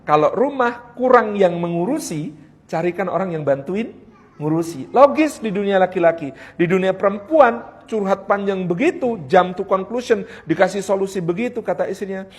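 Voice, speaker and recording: A man's voice: high voice, expressive, normal speed, husky. A middle-aged man giving a joking marriage sermon, acting out husband and wife in quoted voices. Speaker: preacher.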